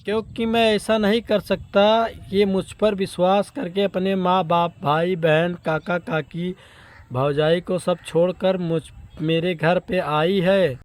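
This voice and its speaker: A man's voice: high-pitched, fairly even intonation, measured pace. A man playing a young husband caught between his mother and his wife in a comedy skit, with a noisy background. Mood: earnest. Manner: earnest, reproachful then pleading.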